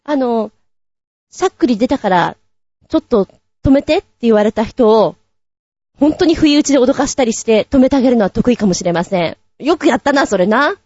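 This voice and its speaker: A woman hosting a radio show, chatting casually and giggling between quick asides while she reads listener messages. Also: fairly high pitch, lively intonation, darkish tone, no room sound. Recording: muffled lo-fi with faint music.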